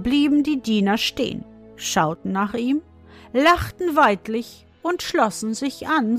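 A woman narrating a fairy tale in a calm, measured storytelling voice. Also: fairly high pitch.

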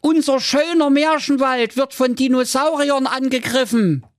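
A man voicing a frantic fairy-tale brother who shouts an urgent alarm through a loudspeaker, in a shrill, pressing call. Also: unhurried, dry recording, studio quality. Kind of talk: storytelling with voices.

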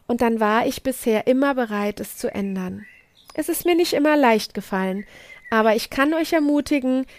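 A middle-aged woman hosting a podcast, giving a slow, emphatic motivational talk and repeating key phrases for weight. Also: a little high, no echo. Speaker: podcast host and coach.

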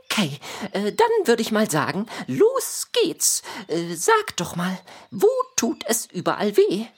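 Woman voicing Kopernikus, a husky swooping tomcat. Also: wildly swooping pitch, unhurried, full character voice. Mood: caring. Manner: wildly swooping pitch, husky. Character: talking male tomcat, caring, excitable. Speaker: doctor in play. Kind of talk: children's show acting.

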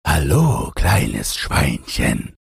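A man voicing a sly, scheming big bad wolf in a storybook reading, with a deep, gravelly, husky voice and slow, drawn-out, coaxing speech. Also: wildly swooping pitch, no echo, studio quality, full character voice.

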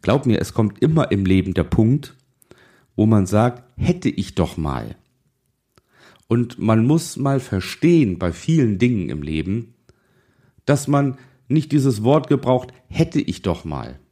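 Speaking slowly but with great animation, this forties-aged man has a fairly low, warm voice. He's a financial advisor and podcast host giving a motivational talk, pressing the listener directly with rhetorical questions in an urgent, exhorting way.

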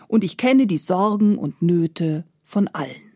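A woman voicing God as a friendly older male stranger who speaks gently. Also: fairly low pitch, expressive, measured pace, dry recording, studio quality. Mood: kind.

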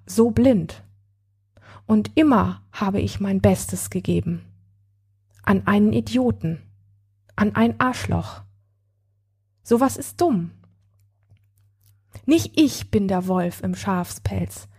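A woman's voice: mid-range voice, animated, slow, pauses often, a little mellow, slightly rough, exaggerated voice. A woman voicing a hurt, angry woman in a read-aloud story, brooding and then bitterly cursing her ex-partner.

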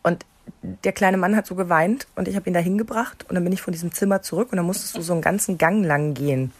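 A woman co-hosting a podcast, telling stories in a lively way and acting out what people said. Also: on the low side, quick pace, husky. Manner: animated storyteller, acts out quotes. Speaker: podcast co-host. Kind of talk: casual podcast chat.

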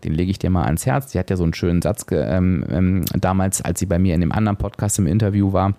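A man's voice: sits low, quick pace, dark tone, no room sound. A man hosting a solo podcast as a coach, speaking straight to the listener and often adding tag questions.

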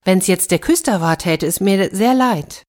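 A woman's voice: medium pitch, lively intonation, a little slow, darkish tone, natural voice. A woman voicing a simple-minded, fearless young village lad in a children's fairy-tale reading. He sounds earnest and unbothered.

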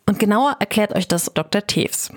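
Eine Moderatorin erklärt in einem Gesundheitsformat und spricht die Zuschauer direkt an. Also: female voice, mid-range voice, animated, normal speed. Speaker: presenter. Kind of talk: scripted health explainer.

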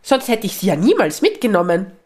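A woman's voice: medium pitch, wildly swooping pitch, a little fast, darkish tone, pitched above the performer's own voice. Woman doing a nonstop chattering magpie. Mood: remorseful. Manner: rambling, apologetic, breathless chatter.

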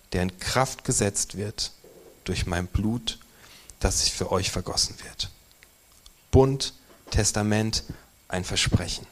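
In a church, a male pastor delivers a sermon in a lowish voice, alternating forceful emphasis with soft, almost whispered passages.

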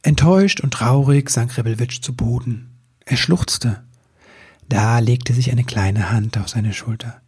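A man narrating a children's Christmas tale in a calm, expressive storyteller's manner. His middle-pitched voice is strikingly husky and breathy throughout. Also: measured pace.

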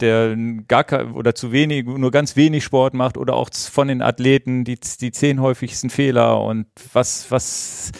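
A man's voice: medium pitch, gravelly, smooth, no echo, clean studio sound. A man co-hosting a podcast, asking questions in a casual, chatty way. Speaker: podcast co-host. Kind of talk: podcast interview.

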